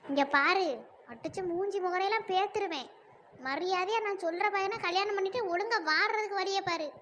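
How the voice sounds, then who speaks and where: A woman's voice: very high-pitched, fairly quick, fairly bright tone, slight background noise. A woman voicing a stern, scolding village mother in a cartoon who nags and threatens her daughter. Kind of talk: cartoon dub acting.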